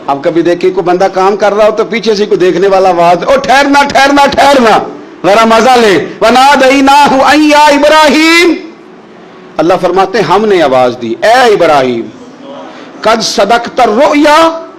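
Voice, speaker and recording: A man preaching a sermon, telling a story with passion and chanting verses slowly. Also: a little high, a little hiss or hum, low-quality recording.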